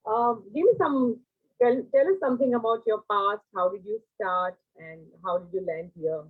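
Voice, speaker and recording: A woman's voice: medium pitch, normal speed, slightly rough. A woman hosting a live talk, reading the guest's introduction and asking questions politely, stumbling now and then. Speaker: host. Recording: thin phone-like line.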